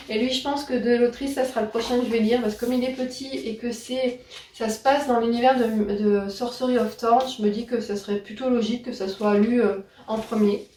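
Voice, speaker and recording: A woman's voice: fairly high pitch, dark tone, slight background noise. A woman chatting casually about her new books, with many fillers and self-corrections. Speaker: book YouTuber. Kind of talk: casual book haul vlog. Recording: roomy, distant mic.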